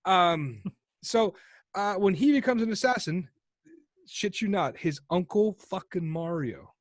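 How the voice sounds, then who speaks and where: A man's voice: high-pitched, animated, a little slow, dry recording, studio quality. A man co-hosting a casual podcast chat, rambling and swearing as he tells a story and acts out the people in it. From United States. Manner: rambling, profane storyteller who acts out quoted characters. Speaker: podcast co-host.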